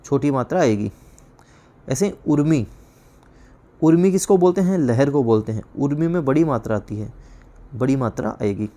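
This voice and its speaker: Man teaching, spelling words out slowly. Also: a little high, a little mellow. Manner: explains slowly, spells words out and repeats them. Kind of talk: exam-prep class lecture.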